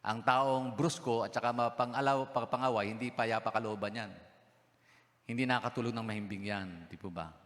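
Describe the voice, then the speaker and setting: A man's voice: medium pitch, steady tone, moderate pace, a bit bright. A male pastor preaching a sermon, switching into English phrases and asking the congregation questions, with a cough that lingers. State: has a cough. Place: church hall. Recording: long church hall reverb.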